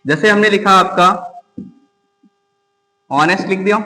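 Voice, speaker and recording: A man teaching an exam-prep grammar lesson in a fairly high voice, firing questions at the class and answering them himself. He repeats key words slowly to drive them home. The sound rings with a long, hall-like reverb. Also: sharp tone. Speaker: English teacher.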